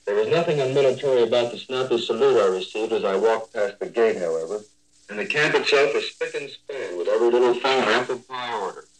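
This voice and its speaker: A man's voice: mid-range voice, low-quality recording. Man filing a 1940s radio war report. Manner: measured, descriptive reading from script.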